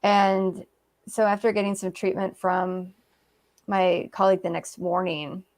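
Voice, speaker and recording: A woman's voice: medium pitch, little pitch movement, unhurried, a little mellow. Chatty woman telling her story. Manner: chatty, many fillers, acts out quoted remarks. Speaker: guest author. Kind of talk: casual interview storytelling.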